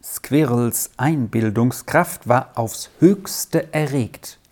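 A woman narrating a storybook in a measured, expressive reading style. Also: very deep voice. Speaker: audiobook narrator.

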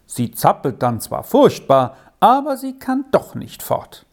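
A woman's voice: fairly low pitch, big pitch swings, unhurried, gravelly, a little mellow, pitched above the performer's own voice, heavily acted. A woman doing a sly, cocky herd boy. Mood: brash. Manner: brash, coaxing, sly. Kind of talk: storybook reading.

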